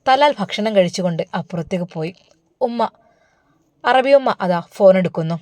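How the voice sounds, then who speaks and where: A woman telling a story in plain, steady narration. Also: medium pitch, normal speed, no echo.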